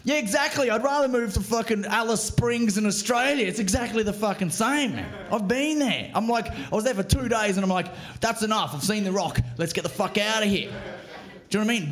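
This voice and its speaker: A man on a comedy stage with a very high, strained voice, ranting and swearing as he fires lines at the crowd. His delivery is loud and worked up throughout. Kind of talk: stand-up routine.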